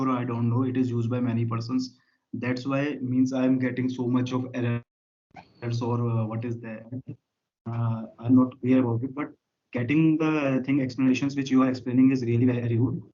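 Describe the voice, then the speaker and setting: A man's voice: medium pitch, dark tone. A male student with an Indian accent giving hesitant feedback, circling back over his phrases. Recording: muffled online call.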